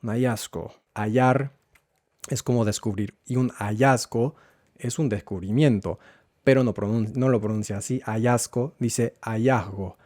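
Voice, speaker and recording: A man teaching a Spanish lesson, going slowly and repeating words so learners can follow. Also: medium pitch, fairly even intonation, mellow, no room sound, clean studio sound. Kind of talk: language lesson.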